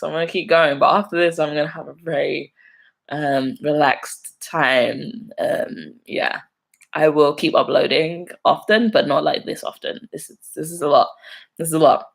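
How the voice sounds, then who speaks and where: Speaking at a normal pace with vocal fry, a young London woman hosts a live stream in her low-pitched voice. She's relaxed and chatty, laughing frequently as she reads viewer comments aloud and replies in her London accent.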